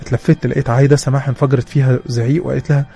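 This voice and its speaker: A man with an Egyptian accent telling a horror story in a dramatic, animated way, sometimes stumbling over his words. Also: mid-range voice, very fast, gravelly, breathy edge, no room sound, faint music behind.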